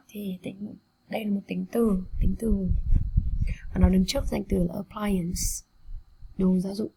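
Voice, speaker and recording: A woman English teacher with a Vietnamese accent, repeating vocabulary words slowly for students to copy and explaining them. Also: mid-range voice, gravelly, a little mellow, slightly rough. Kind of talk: vocabulary pronunciation drill.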